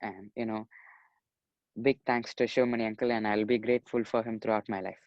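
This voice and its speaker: A polite, earnest teenage actor and musician from Chennai, India, speaks as a guest in a casual interview. His voice is fairly low, steady and brisk, and he keeps saying "you know" while recounting his story. The recording is muffled and dry, with no room echo.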